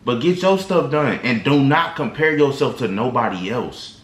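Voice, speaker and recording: In an echoey room, a male vlogger with a mid-range, expressive voice speaks at normal speed. He offers casual motivational advice to camera, slangy and loose, with lots of restarts along the way.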